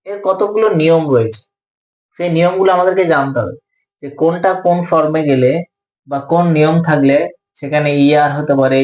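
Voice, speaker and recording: A man with a Bengali accent teaches English grammar in a patient, step-by-step way, asking questions and answering them himself. His voice sits a little high. The recording has a roomy echo. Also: a little mellow. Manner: patient, repeats key points, asks and answers his own questions. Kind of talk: explanatory lesson.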